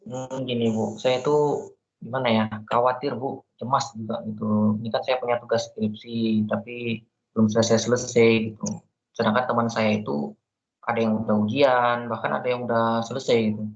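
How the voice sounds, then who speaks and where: A man's voice: medium pitch, little pitch movement, normal speed, lightly acted. A man playing an anxious young student seeking help, hesitant and colloquial, in an amateur role-play. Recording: dull lo-fi sound.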